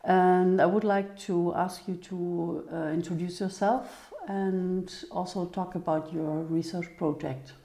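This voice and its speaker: A woman hosts an interview, posing courteous questions with small hesitant fillers. Her voice is a bit low and mellow. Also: fairly even intonation, a little slow, hardly any pauses. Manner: polite, gently hesitant with fillers. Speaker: interview host. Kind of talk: interviewing a guest.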